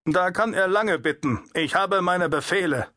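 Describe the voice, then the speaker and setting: A man's voice: high voice, measured pace, sharp tone, no room sound, studio quality, voice pushed up. A man voicing a domineering, suspicious Prussian sentry who barks orders and talks down to people. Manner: domineering, condescending, barking orders. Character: overbearing male Prussian sentry, adult, suspicious.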